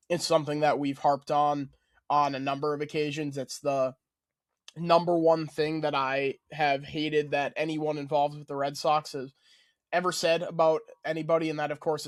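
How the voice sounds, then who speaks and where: A man's voice: on the high side, no echo, studio quality. Heated, swearing male podcast co-host. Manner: heated, ranting, swears freely. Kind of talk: casual sports chat.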